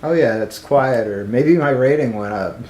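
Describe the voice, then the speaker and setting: A man's voice: medium pitch, moderate pace, a little mellow. A man guitarist chatting and joking about himself between songs, easygoing and playful. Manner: self-mocking jokey. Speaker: guitarist and co-host. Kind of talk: casual chat between songs.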